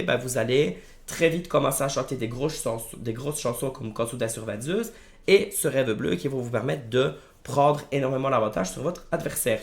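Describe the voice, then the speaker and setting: A man with a hoarse, strained voice after a throat infection, giving casual, familiar commentary for a card game video. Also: medium pitch. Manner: familiar, informal address to viewers. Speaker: video creator presenting card game decks.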